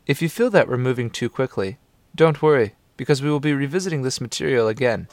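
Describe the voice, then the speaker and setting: A man narrates a scripted language lesson in a patient, steady way, prompting the listener to listen and repeat. His voice sits in a middle pitch. The sound is dry and close. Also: fast talker, no room sound.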